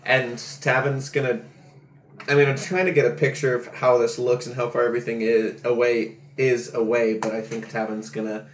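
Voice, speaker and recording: A man's voice: medium pitch, little pitch movement, normal speed, a little hiss or hum. A man chatting casually as a tabletop player, thinking aloud in a hesitant way. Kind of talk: casual game chat. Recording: echoey room, faint music behind.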